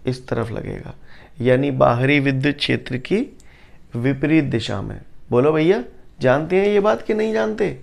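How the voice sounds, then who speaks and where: Gravelly man teaching physics. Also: medium pitch, animated. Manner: quizzes students with call-and-response questions, repeats definitions slowly. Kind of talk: classroom lecture.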